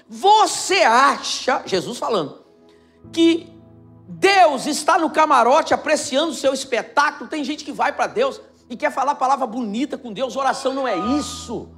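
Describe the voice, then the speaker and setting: Brazilian man preaching in a high voice. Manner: emphatic, repetitive, rising to near shouts. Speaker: pastor. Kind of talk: sermon.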